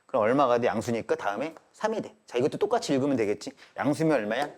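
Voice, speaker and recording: A man's voice: medium pitch, big pitch swings, very fast. A male math teacher giving a live classroom lecture, constantly checking in with his students.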